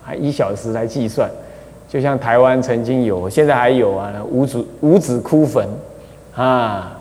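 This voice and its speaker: A man, a Buddhist abbot teaching a class on the precepts, talking in a chatty way with many drawn-out "ah" fillers and small chuckles. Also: medium pitch, a little mellow. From Taiwan. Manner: chatty, full of drawn-out "ah" fillers, chuckles at his own anecdotes. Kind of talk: dharma lecture explaining a scripture. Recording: long hall reverb.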